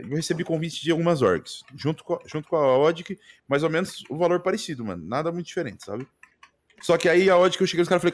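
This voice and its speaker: A man with a Brazilian accent, a streamer guest chatting casually and slangily about his streams. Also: fairly high pitch. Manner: slangy, animated, repeats mano and velho. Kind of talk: casual podcast chat.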